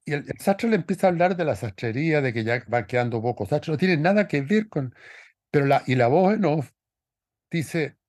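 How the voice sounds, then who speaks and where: A man's voice: a little high, animated, normal speed, darkish tone, no room sound. Dry-sounding man musing on film. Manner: thoughtful, rambling, many restarts. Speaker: podcast co-host. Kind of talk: casual film discussion.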